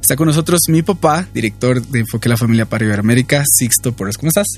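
A man's voice: medium pitch, racing, soft background music. A young man co-hosting a family talk show, listening attentively and giving frequent small replies. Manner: attentive, with frequent back-channel sounds. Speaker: co-host. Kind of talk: podcast interview hosting.

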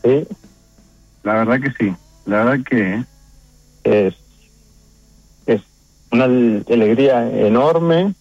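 A middle-aged man with a Uruguayan accent, a chef talking about his restaurant's award in a phone interview, halting and emotional, with many restarts. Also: mid-range voice, no echo. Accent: Uruguayan Spanish. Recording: dull phone line.

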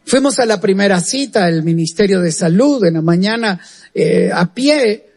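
Male presenter, high husky voice; earnest, animated testimony storytelling. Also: normal speed. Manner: earnest, animated retelling with direct asides to the listener. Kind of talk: storytelling testimony on a radio program.

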